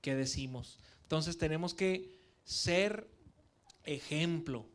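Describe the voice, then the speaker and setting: A middle-aged male pastor preaching with passion to parents in church, building to emphatic calls and dropping to quiet, earnest stretches. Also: fairly high pitch, takes it slowly. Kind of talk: sermon at a parents' workshop.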